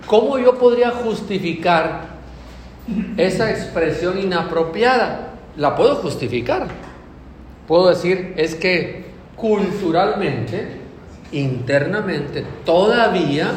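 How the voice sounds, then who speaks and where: A man preaching a sermon, animated, acting out little examples in other voices. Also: fairly high pitch, background noise. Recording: echoey hall with faint ambience.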